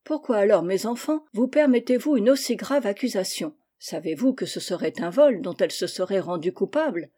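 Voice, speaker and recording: A woman reading a storybook voices a kindly but stern older gentleman who speaks in a measured, gently admonishing way. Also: mid-range voice, expressive, slightly rough.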